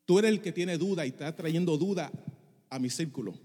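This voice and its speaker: A man's voice: on the high side, fairly quick, a little mellow, slightly rough, long reverb tail. A middle-aged male pastor preaching a passionate sermon, dropping English phrases into his Spanish. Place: church sanctuary.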